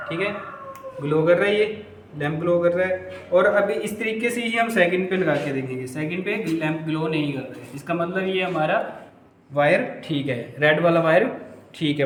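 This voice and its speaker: A man's voice: sits high, roomy sound, a little hiss or hum. A man with a Hindi accent showing a repair step by step, asking himself questions and answering them as he works. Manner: talks while working, rhetorical questions, repeats "ठीक है". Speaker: electrical repair instructor. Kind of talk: hands-on repair tutorial.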